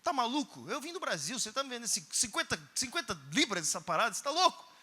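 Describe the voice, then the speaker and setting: A male preacher tells a story in a conference sermon, acting out the dialogue and shouting at the peaks. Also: very high-pitched, sing-song, fast, slightly rough. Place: large church hall. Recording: reverberant church hall.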